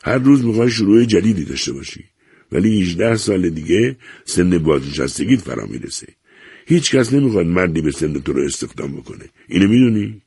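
A man voicing a cold, measured woman who speaks firmly and without mercy, in an audiobook reading. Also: deep voice, big pitch swings, vocal fry, mellow, breathy edge, dry recording, studio quality, heavily acted. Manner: measured, firm, unyielding. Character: cold, measured estranged wife.

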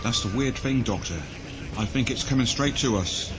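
A man's voice: medium pitch, normal speed, over music, close to an everyday voice. A man playing a dutiful, plain-spoken army sergeant giving reports in an audio drama. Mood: puzzled.

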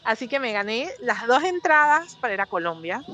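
Panamanian lady guest, slightly high voice, tells stories acting out every voice. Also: a little fast, music in the background. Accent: Panamanian Spanish. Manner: animated, acts out voices in her stories. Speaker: podcast guest. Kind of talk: casual storytelling chat.

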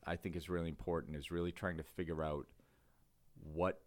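Man, very low voice, casual podcast co-host, rambling chat, restarts sentences. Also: flat delivery, a little fast, a little mellow.

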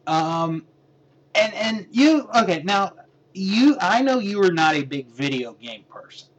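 Easygoing podcast co-host, lively pitch. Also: male voice, unhurried. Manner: relaxed, hesitant, trails off with restarts. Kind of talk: casual chat.

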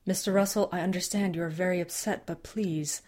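A woman voicing a calm, formal male agent who speaks in a careful, deadpan way. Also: fairly low pitch, a little fast, close to an everyday voice. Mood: measured.

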